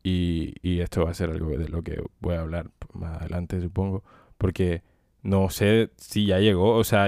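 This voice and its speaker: A very low-pitched man, talking casually alone on his podcast. He rambles, swears and jokes, close to the mic in a dry, dead-sounding room. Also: darkish tone, dry recording. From Colombia. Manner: rambling, profane and joking, often laughing. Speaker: podcast host. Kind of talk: casual solo podcast monologue. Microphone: close microphone.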